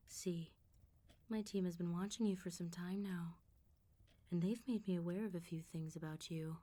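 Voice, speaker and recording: A woman plays a vampire mob boss with light acting, using a low, dark, mellow voice that stays soft and close, ASMR-style. She is smooth-talking and controlled, and her teasing calm carries an undercurrent of quiet threat.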